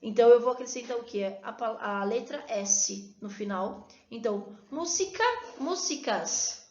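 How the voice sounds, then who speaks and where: A woman's voice: on the high side, moderate pace, a little mellow. A Brazilian woman teaching a recorded video lesson, explaining rules step by step and checking in with her students after each point. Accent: Brazilian Portuguese. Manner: explanatory, frequent checking tags. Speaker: Spanish teacher. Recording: echoey room, dull lo-fi sound.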